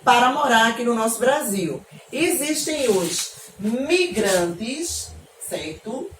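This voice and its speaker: A teacher from Northeast Brazil leads an online geography lesson for children, affectionate and animated, frequently pausing to ask if the pupils are following. Her fairly high voice reaches the mic from a slight distance, with room echo and faint background noise.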